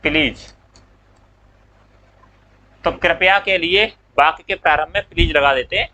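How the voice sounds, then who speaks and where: A man's voice: on the high side, unhurried, bright, forceful tone, highs cut off. A man teaching English grammar in a classroom lecture. He asks questions, answers them himself, and draws out the English words as he dictates them.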